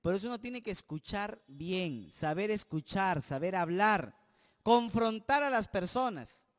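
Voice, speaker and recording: A pastor preaching an emphatic sermon, often putting questions to the congregation. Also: male voice, sits high, expressive, unhurried. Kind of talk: expository sermon. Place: church. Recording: long church-hall reverb.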